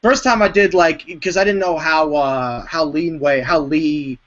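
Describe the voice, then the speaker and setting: A man hosting a podcast, chatting casually and telling animated stories with plenty of swearing. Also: a little high, measured pace. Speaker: podcast host. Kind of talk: casual chat. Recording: dull lo-fi sound.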